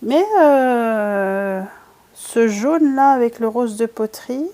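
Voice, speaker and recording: A woman's voice: on the high side, takes it slowly, dark tone. A woman chatting casually while painting, thinking aloud and answering viewers' comments in a playful put-on accent. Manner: playful, puts on a random accent. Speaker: streamer painting with watercolors.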